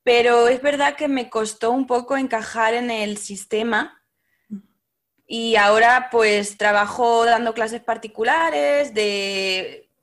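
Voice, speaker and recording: Woman in her thirties, podcast guest, thoughtful and hesitant, a bit high-pitched. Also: steady tone, slow pace. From Spain. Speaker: guest, Spanish teacher. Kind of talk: casual interview talk.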